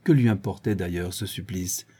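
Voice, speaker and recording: A man narrating a classic novel in a measured, dramatic reading. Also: low voice, mellow, breathy edge. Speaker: audiobook reader. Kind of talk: scripted narration.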